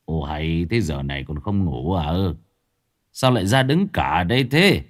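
Man doing a gruff drunken father. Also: deep voice, big pitch swings, moderate pace, voice pushed down. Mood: drunk puzzled.

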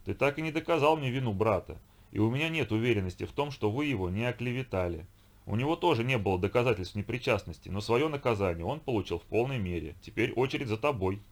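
A man's voice: medium pitch, animated, fast. A man voicing a harsh, commanding stepfather. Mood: stern. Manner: commanding, barking orders. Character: stern harsh middle-aged stepfather, cold and unyielding.

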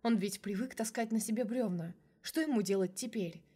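A woman's voice: medium pitch, moderate pace, mellow, husky. A woman narrating a first-person novel as an audiobook, reading with strong emotion.

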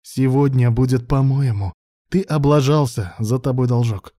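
A man's voice: medium pitch, moderate pace, mellow, no room sound, clean studio sound, lightly acted. A man voicing a domineering, predatory adult male lover in a spoken story, with curt, commanding lines.

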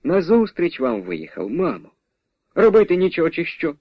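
A man playing a quiet, pleading young nobleman. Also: fairly high pitch, wildly swooping pitch, moderate pace, breathy edge, no echo, voice pushed up, heavily acted. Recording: dull dry radio recording.

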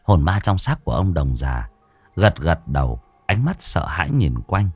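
A man narrating a ghost story in an expressive, dramatic reading. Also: a bass voice, normal speed, husky, no echo, faint music behind.

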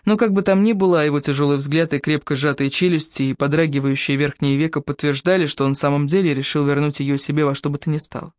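Audiobook narrator, mid pitch, even storytelling, dry studio. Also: fast talker, few pauses, no echo. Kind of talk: scripted novel narration.

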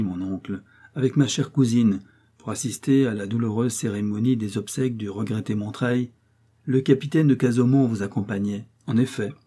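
A man's voice: mid-range voice, dark tone, breathy edge, close to an everyday voice. A man voicing a suave young male count who talks with polished, courteous irony. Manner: polished, courteous, slightly ironic.

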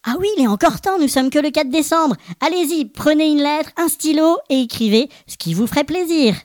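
A woman acts out a little boy Christmas elf hosting a podcast for children. The voice is high and playful, full of cheery exclamations. The sound is dry, with no room around it. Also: animated, a little fast, a little mellow, no echo. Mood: cheerful. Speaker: podcast host.

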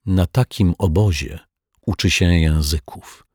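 A man's voice: low voice, measured pace, a little mellow, slightly rough, no echo, clean studio sound. A man voicing a strict, unsmiling woman teacher with curt, prim answers in an audiobook. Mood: stern. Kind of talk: audiobook character voice.

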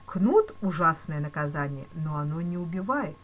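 A woman's voice: low-pitched, expressive, normal speed. A woman voicing a male police chief who delivers dire news in a grave, regretful manner in a storybook reading. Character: solemn, mock-sympathetic male police chief.

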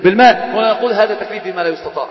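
A man's voice: sits high, racing. A man with an Egyptian accent, a sheikh teaching a religious text to a class, who quizzes and teases his students with rhetorical questions and moves between formal and everyday speech. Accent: Egyptian Arabic. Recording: echoey hall, dull sound.

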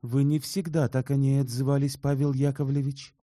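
A man's voice: medium pitch, flat delivery, moderate pace, dark tone, no room sound, clean studio sound, voice pushed up, close to an everyday voice. A man putting on a cool, direct young woman. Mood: cool, pointed. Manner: poised, pointed questions. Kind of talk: audiobook character reading.

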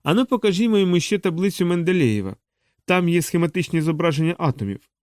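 A man reads a rattled male physicist in an audiobook, his voice climbing higher and quickening with alarm. The tone stays dark and mellow, and the sound is dry and close. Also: no echo. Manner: excited, raised and urgent. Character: agitated male physicist on an alien planet.

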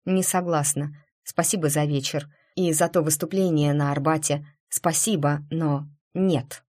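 Anxious young female violinist, low voice; read by a woman. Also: steady tone, measured pace, a little mellow. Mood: flustered. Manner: flustered, shaken.

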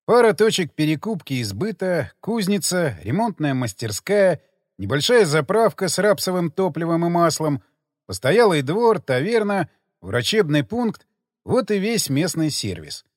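Expressive male audiobook narrator. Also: on the high side, normal speed, dry recording, clean studio sound.

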